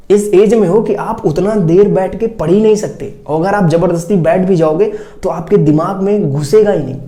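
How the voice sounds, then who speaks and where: A teacher talks students through exam preparation in a relaxed, classroom-style way, keeping it direct and checking in every few sentences. The voice is soft and mellow. It sounds like an echoey room. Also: mid-range voice. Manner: keeps checking in with "ठीक है", direct and advising. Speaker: teacher giving board exam tips. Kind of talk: casual classroom-style talk.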